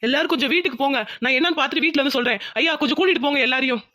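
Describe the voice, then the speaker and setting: Someone voicing a brisk cartoon police inspector. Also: high-pitched, pushed and bright, no room sound, clean studio sound. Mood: urgent. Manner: brisk, commanding instructions. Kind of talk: Tamil cartoon drama voice acting.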